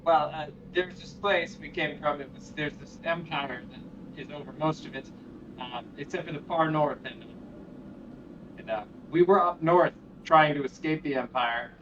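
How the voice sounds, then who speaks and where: A man's voice: a little high, moderate pace. A man playing a tabletop game, telling his character's backstory in a rambling, casual way. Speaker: player. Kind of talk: tabletop game role-play. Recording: dull, distant sound with faint noise.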